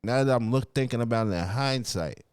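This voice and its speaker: A man's voice: medium pitch, a little fast, clean tone, no room sound, studio quality. A man hosting a casual event recap, talking informally in street slang and rambling through his retelling. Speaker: host, event commentator.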